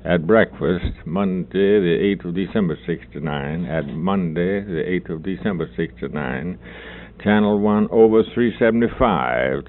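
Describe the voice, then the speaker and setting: A man with a low, deep voice comes through a two-way radio, squeezed into a thin, tinny band. He repeats call signs and dates in short, clipped radio phrases. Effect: over a two-way radio. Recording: narrow tinny radio transmission.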